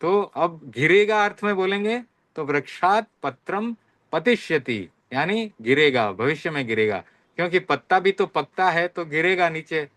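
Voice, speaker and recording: A man teaching a Sanskrit class, reciting verb forms one by one in slow, repeated drills and often checking that students follow. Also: a little high, lively intonation, a bit bright, dry recording. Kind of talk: online class lesson.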